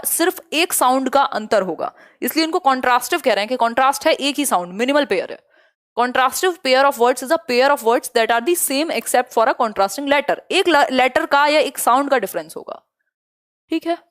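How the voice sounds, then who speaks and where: Brisk teacher woman. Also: high-pitched. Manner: brisk, chatty, mixes Hindi and English terms. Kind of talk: online exam-prep lecture.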